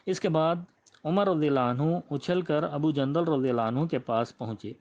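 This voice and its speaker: A man's voice: fairly high pitch, a little mellow. Man reading a religious biography. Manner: measured and reverent, with frequent honorifics. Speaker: religious history reader. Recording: slightly muffled, dull audio.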